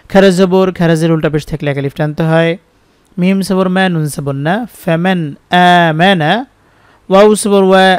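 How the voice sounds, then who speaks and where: A man with a Bangladeshi Bengali accent teaching Quran reading, spelling each word letter by letter and then chanting the verses slowly. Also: high-pitched, smooth, no room sound. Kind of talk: spelled-out Quran recitation lesson.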